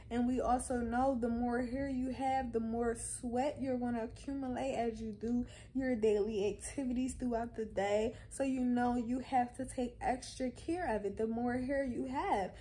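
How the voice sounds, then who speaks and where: A woman's voice: fairly high pitch, warm tone, slight background noise. A woman giving a casual opinion monologue to camera, conversational and insistent, repeating phrases for emphasis. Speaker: vlogger.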